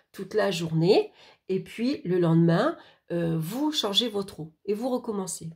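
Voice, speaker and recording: A French woman with a mid-range, darkish voice talks the viewer through an oracle card reading in a relaxed, chatty manner. She hesitates a lot, filling pauses and restarting her sentences as she speaks directly to the audience.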